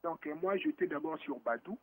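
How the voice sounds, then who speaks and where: Heard over a phone line on the radio, this caller, a man born in Morocco, rambles in a casual chat and restarts often, blending French and Lingala. He sounds animated and a little fast, with a voice on the high side.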